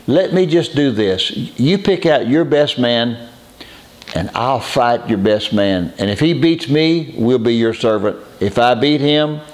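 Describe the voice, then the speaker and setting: A man voicing the giant Goliath with a slow, taunting challenge. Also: medium pitch, animated, lightly acted.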